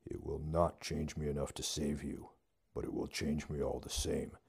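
A man voicing Death as a calm, deliberate figure who speaks slowly. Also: rumbling low, slightly rough, heavily acted. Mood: measured. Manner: slow and deliberate. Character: Death, slow and measured, calm being.

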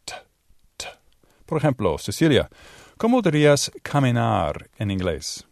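A man teaching English pronunciation in a bilingual lesson, drawing out sounds slowly to demonstrate them. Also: medium pitch, huge pitch swings, gravelly, a little mellow, dry recording, clean studio sound. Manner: slow, exaggerated demonstration of sounds. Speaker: Spanish-speaking English teacher.

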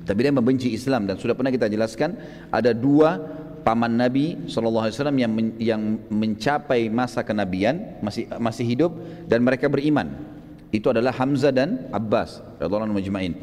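A man preaching a sermon, telling a story in a lively way and acting out the shouts of the people in it. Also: mid-range voice, a little fast, in a large hall. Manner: animated storytelling, acts out shouts in quoted lines. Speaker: Islamic preacher.

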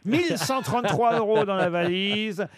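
Teasing high-voiced male radio host. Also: normal speed, no echo. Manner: teasing, playful. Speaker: radio game show host. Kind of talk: lively radio panel banter.

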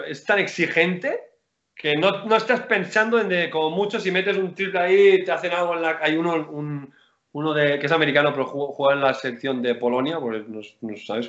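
A man, a basketball player chatting as a guest in an interview, animated, rambling and slangy. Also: on the high side. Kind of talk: casual interview chat. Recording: roomy, dull lo-fi sound.

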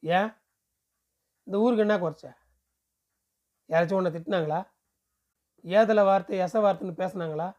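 A man's voice: high-pitched, normal speed, long pauses, a little mellow, lo-fi sound, lightly acted. A man reading aloud, voicing a grown village man who leads a drama troupe and questions, coaxes and teases. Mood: coaxing. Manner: questioning, coaxing, teasing.

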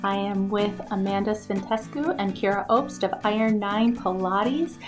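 A woman's voice: medium pitch, normal speed, over music. A woman hosting an interview outdoors, introducing guests and asking them questions. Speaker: host interviewer. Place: outdoors, socially distanced.

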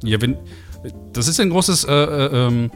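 A man's voice: medium pitch, expressive, unhurried, faint music behind. A man co-hosting a radio comedy show, mumbling his words through absurd banter. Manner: mumbling, spirals into gory rants.

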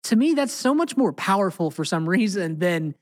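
With a high voice, big pitch swings and a moderate pace, an American man co-hosts a relaxed Bible discussion as its teacher. He speaks earnestly and emphatically, frequently repeating phrases for weight.

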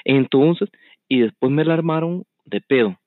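A man talking loosely and at length on a call-in chat, restarting sentences and tossing in curse words. His voice sits at an ordinary pitch and comes through a thin, phone-like line with no room sound at all. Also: measured pace, no room sound. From United States. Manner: rambling, swearing. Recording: tinny phone line, dry.

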